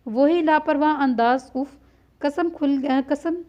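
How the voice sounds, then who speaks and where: A woman's voice: sits high, slow, muffled recording. Woman doing a gushing dramatic young woman. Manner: gushing, theatrical sighs.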